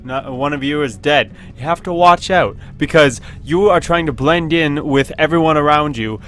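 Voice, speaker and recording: A man giving casual, excitable commentary as he plays a video game at his computer, laughing often and yelping when something happens. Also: on the high side, moderate pace, faint music behind. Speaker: gaming video host. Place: at home at a computer with webcam.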